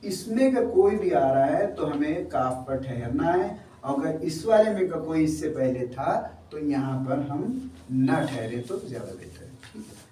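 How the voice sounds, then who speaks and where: A man's voice: fairly high pitch, lively intonation, unhurried, mellow, slight background noise. A man teaching a class, explaining patiently and checking in with his listeners. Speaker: Quran recitation teacher. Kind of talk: classroom lecture. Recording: roomy echo from far off with faint ambience.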